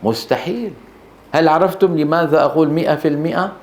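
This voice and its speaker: A man's voice: fairly high pitch, fast talker, darkish tone. A man with a Levantine Arabic accent teaching Quran recitation to a class in a hall, speaking emphatically and quizzing his students with short questions. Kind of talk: classroom lecture. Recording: echoey room.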